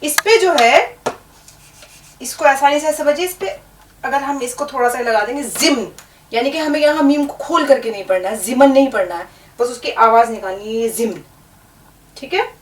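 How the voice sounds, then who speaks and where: A woman's voice: high voice, normal speed. A woman teaching an Urdu lesson, patiently spelling words out letter by letter. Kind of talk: language lesson. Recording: echoey room, distant mic.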